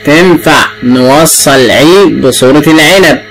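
A man's voice: fairly high pitch, over loud music, poor audio. Patient Egyptian man teaching small children. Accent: Egyptian Arabic. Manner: patient, drawn-out and repetitive prompting. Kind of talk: teaching letters to young children.

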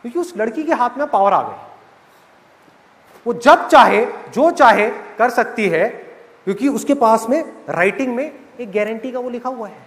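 A man's voice: extremely high pitch, animated, moderate pace, fairly bright tone, long reverb tail. A man giving a conversational motivational talk to a live audience, often putting questions to the listeners. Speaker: motivational speaker. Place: large hall with audience.

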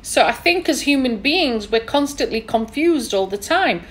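A woman's voice: on the high side, expressive, normal speed. A woman with a thick Yorkshire accent, hosting a casual interview in a chatty, opinionated, emphatic way. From England. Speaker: podcast host.

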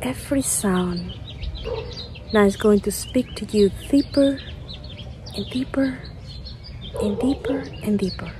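A middle-aged woman leading a guided meditation in a slow, gentle, soothing manner, with repeated phrases and chanted invented syllables. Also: mid-range voice. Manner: slow, gentle, soothing, with repetition and long pauses. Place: outdoors in a garden among trees. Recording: outdoor ambient noise with chirping birds.

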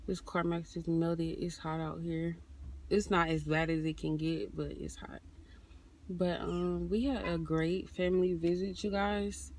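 A woman's voice: on the low side, creaky, darkish tone, slight background noise. A young woman vlogging casually from her car on a hot day, chatting to viewers with a phone camera at arm's length and calling them y'all. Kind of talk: casual vlog chat.

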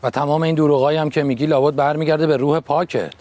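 A bitter grown son, played by an actor who throws out sarcastic accusations. His voice sits somewhat high for a man. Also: fairly even intonation, a little mellow, natural voice. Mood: accusing.

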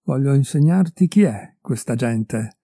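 A man's voice: medium pitch, animated, measured pace, gravelly, mellow, breathy edge, no echo, exaggerated voice. A man voicing a bitter, wronged middle-aged husband who accuses his wife in a raised, heated voice, in a dry, close recording. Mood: furious, accusing.

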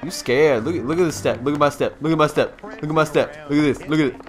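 A man with a fast, rather high voice offers slangy, casual commentary on a video game walkthrough, playful and full of exclamations plus some swearing. Game music and vehicle noises play behind him.

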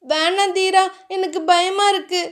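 Woman doing frightened young heroine, high pleading voice, storybook. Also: steady tone, moderate pace.

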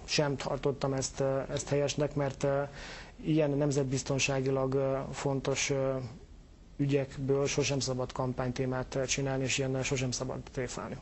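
A man's voice: mid-range voice, completely flat delivery, darkish tone, a little hiss or hum. A man answering interview questions as a government official, hesitant and full of filler sounds.

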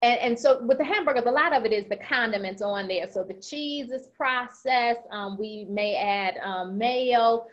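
A woman dietitian with a fairly high voice gives a casual nutrition presentation and talks fast. She is chatty, with frequent "um" fillers. The audio is slightly dull and lo-fi, like an online meeting.

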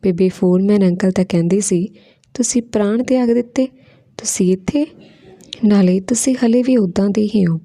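A woman voicing an affectionate young mother who talks earnestly, with a gravelly, mellow voice. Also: mid-range voice, normal speed, close to an everyday voice.

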